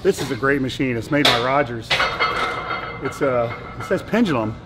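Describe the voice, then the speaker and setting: A middle-aged man coaching a leg workout in a large indoor gym, counting reps loudly and urging his partners on, then calmly explaining the machines. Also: mid-range voice, normal speed, heavy background noise. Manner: loud rep-counting encouragement. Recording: echoey gym with loud music.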